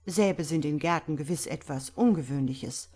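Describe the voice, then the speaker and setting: A brisk male doctor fires off pointed questions, his patience wearing thin, as a woman puts him on. The voice is sharp and pushy and quick to anger. It sounds like a storybook skeptic losing his temper. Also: low voice, husky, pitched below the performer's own voice. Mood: impatient.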